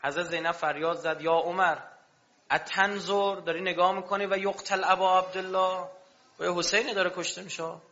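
High, sharp-voiced impassioned preacher man. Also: fairly even intonation. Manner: impassioned, rhetorical questions to the audience. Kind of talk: sermon. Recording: dull lo-fi recording.

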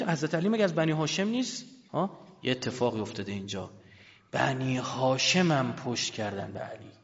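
A male preacher delivering an emotional sermon, rising to loud high cries and dropping to slow, hushed lines. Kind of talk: impassioned religious sermon, storytelling. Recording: reverberant hall, dull lo-fi sound.

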